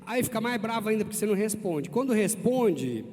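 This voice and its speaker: Lively high-voiced Brazilian pastor preaching. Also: male voice, fairly quick, slight background noise. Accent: Brazilian Portuguese. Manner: animated, calls on the congregation to repeat after him. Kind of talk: sermon. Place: large church hall. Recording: long church-hall reverb, faint music.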